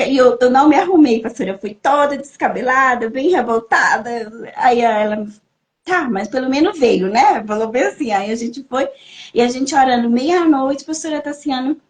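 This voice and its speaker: High-voiced Brazilian woman telling her testimony. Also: a little mellow. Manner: storytelling, acting out quoted voices, rising pitch when emotional. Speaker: guest giving a testimony. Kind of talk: emotional personal testimony. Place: living in Germany, remote podcast.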